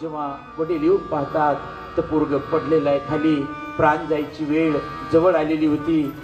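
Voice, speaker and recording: A man's voice: fairly high pitch, little pitch movement, normal speed, dull audio, music in the background. A man telling a devotional story in a kirtan with dramatic emotion. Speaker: kirtan preacher. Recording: roomy hall with faint instruments.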